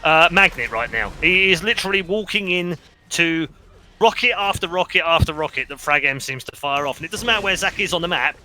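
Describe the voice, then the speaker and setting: A man commentating a video game match, joking around and shouting at big plays. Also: fairly high pitch, animated, fairly quick. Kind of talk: esports commentary.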